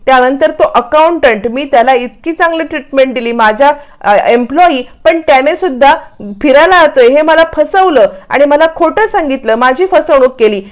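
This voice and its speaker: A woman reading a bitter betrayed husband. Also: very high voice. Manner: accusing and bitter. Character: angry young husband who feels betrayed.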